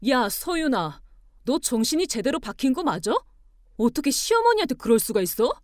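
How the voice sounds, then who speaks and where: A woman voicing an angry young husband who shouts and bullies his wife. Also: on the high side, lively intonation, normal speed, dry recording, studio quality, natural voice. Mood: angry shouting. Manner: shouting, indignant, stammering when cornered.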